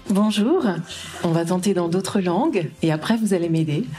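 A woman's voice: lowish voice, lively intonation, normal speed, mellow, faint music behind. Chatty woman speaking at a conference. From Brittany, France. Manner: chatty, with many fillers and restarts. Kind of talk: live conference talk. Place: conference hall.

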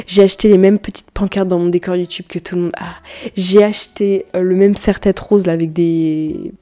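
A woman's voice: medium pitch, warm tone. A young woman hosting her own podcast, chatting casually and correcting herself often as she rambles. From France. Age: about 19. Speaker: podcast host. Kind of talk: casual solo podcast chat.

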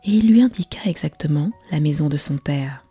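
A woman storyteller narrating a bedtime fairy tale as a whispered role-play, slow and hushed. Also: deep voice, animated, slightly rough, soft background music.

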